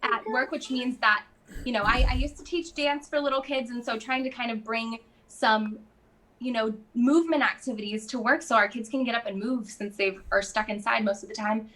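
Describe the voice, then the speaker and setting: A woman guest in casual conversation, chatty and quick to laugh, with lots of fillers. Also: fairly high pitch, fairly even intonation, fairly bright tone, slight background noise. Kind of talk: casual chat.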